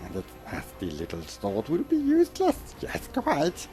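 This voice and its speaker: A man voicing Gollum, a wicked, miserable cave creature who mutters obsessively to himself in a hissing, whispery voice that turns shrill in a dramatic storybook reading. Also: wildly swooping pitch, a little slow, mellow, faint music behind, full character voice. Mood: sly, gloating.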